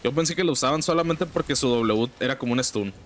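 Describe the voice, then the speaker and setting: A young man with a Mexican accent gives casual, slang-filled commentary over his own gameplay, breaking into sudden high exclamations and griping about teammates. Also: fast talker, a little hiss or hum. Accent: Mexican Spanish. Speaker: gaming streamer.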